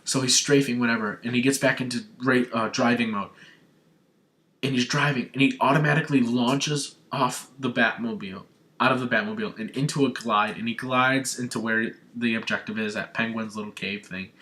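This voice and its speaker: A young man from Arizona recapping a gaming showcase on his vlog, talking with gushing, excitable fan enthusiasm. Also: mid-range voice, normal speed. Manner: gushing, breathless fanboy enthusiasm. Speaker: gaming vlogger. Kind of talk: excited video game recap.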